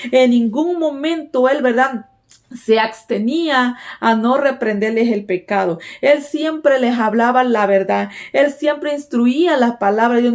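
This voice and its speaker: Spanish-speaking woman preaching, earnest exhorting tone. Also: on the high side. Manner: repeats "¿verdad?" and "déjenme decirle" as fillers. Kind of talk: sermon.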